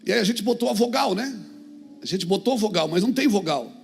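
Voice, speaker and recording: A male pastor preaching a sermon. He moves from calm talk to fervent shouts and calls out to the congregation. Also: high voice, fast talker, creaky, faint music behind.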